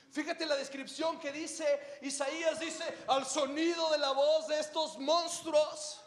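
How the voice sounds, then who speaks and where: Mexican male pastor, high-pitched, animated humorous preacher, recorded in a reverberant church hall. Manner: animated, humorous storytelling with dramatic retellings. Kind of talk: sermon.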